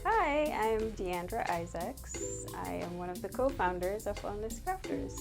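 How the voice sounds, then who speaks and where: A woman from Jamaica answers interview questions at a slow, easy pace in a mid-range voice. She is candid and unhurried, and faint music sits behind her. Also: medium pitch, expressive, creaky. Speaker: co-founder of a wellness business, interviewee.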